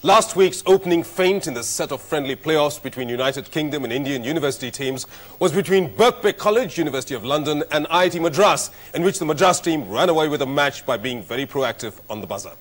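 A middle-aged man hosting a TV quiz show, speaking in a formal, measured way with clear diction. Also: fairly high pitch, lively intonation, a bit bright. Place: TV studio set. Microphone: lapel mic.

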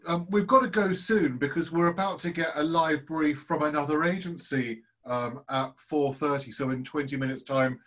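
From home on a video call, a man hosts an online student session as course leader, enthusiastically and effusively keeping the conversation moving between speakers. His voice sits a little above average for a man, fairly high and fairly bright, at a normal speed with few pauses.

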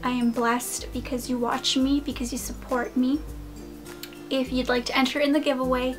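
A woman vlogger chatting casually to her viewers, gushing and fast-talking. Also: high-pitched, level tone, music in the background. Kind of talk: casual haul video talk. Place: home room.

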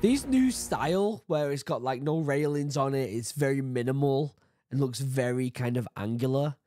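This man, in his thirties and nursing a sore throat, casually reacts to a video at home among bookshelves, his medium-pitched, dark voice animated and at normal speed. Faint music sits behind him as he jokes around and chuckles at himself. He records on a studio mic on a boom arm, wearing headphones.

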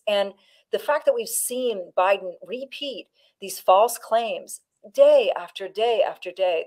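A woman's voice: mid-range voice, darkish tone. A woman from Canada, a former negotiator, giving a firm interview answer and stressing her key points. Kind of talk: political interview.

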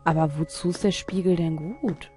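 A woman's voice: fairly low pitch, steady tone, normal speed, mellow, faint music behind. A woman commenting casually on her gameplay, muttering and puzzling aloud as she thinks. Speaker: let's play host.

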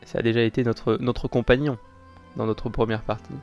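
A man's voice: medium pitch, little pitch movement, moderate pace, a little mellow. A man giving casual, chatty commentary while he plays a video game, muttering and correcting himself as he goes. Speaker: gaming video host. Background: faint game music.

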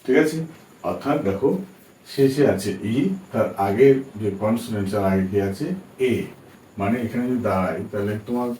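A man's voice: lowish voice, moderate pace, mellow. A Bengali-speaking man teaching English pronunciation, patiently spelling out letters and often checking that his students follow. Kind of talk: spoken English pronunciation lesson. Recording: echoey room, distant from mic, faint background hiss.

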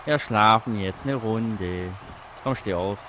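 A man commentating a wrestling video game with a friend, excitable, shouting and groaning at the action and teasing his opponent. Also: fairly low pitch, takes it slowly, noisy background. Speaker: let's play co-host.

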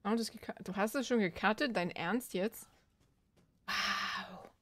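A woman's voice: mid-range voice, measured pace, fairly bright tone, dry recording. A young woman commenting playfully while playing a video game, reading game text aloud. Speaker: gaming streamer. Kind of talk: let's play commentary.

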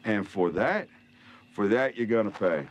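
In a television drama villain monologue, an American-accented actor plays a smug, cruel middle-aged gang leader, drawling and mocking with deliberate pauses and an air of calm menace. His male voice is on the low side yet animated. The TV clip sounds muffled, with noticeable background noise.

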